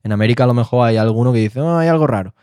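A man's voice: mid-range voice, very fast, warm tone, clear, resonant tone, dry recording. A man from Spain, an actor and director, telling his story in a casual interview. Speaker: interview guest. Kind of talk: casual chat.

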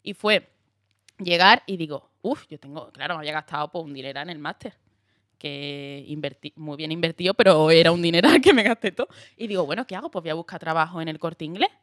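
Lively young woman telling stories. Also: deep voice, a little fast, dry recording, clean studio sound. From Andalusia, Spain. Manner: lively storyteller, laughs often, acts out quotes. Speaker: guest actress. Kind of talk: casual chat.

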